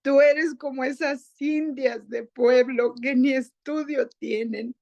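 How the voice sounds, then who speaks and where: Woman doing a high, scornful rich matron who bosses her maid around, gravelly edge. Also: fairly even intonation, slow pace, a little mellow, dull audio, full character voice. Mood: contemptuous. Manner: shrill, demanding and contemptuous. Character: haughty, scornful wealthy woman employer.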